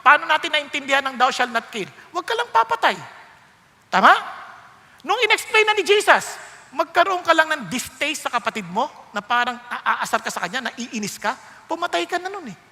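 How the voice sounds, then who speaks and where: A man preaching a sermon as pastor, animated, often asking the congregation rhetorical questions. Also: very high voice, a little fast, gravelly, long reverb tail.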